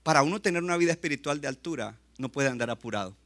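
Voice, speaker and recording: A male pastor preaching a lively sermon, often acting out short asides and quotes. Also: on the high side. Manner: animated preaching, acts out quick asides.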